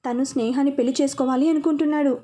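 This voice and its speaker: Woman reading a fussy, flustered middle-aged mother in a storybook; high and hurried. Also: fairly even intonation, dark tone, close to an everyday voice.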